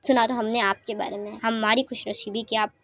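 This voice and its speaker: A woman's voice: fairly high pitch, level tone, a little fast, a bit bright, no room sound. Woman voicing a cold, fawning middle-aged father. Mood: deferential. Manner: deferential, polite.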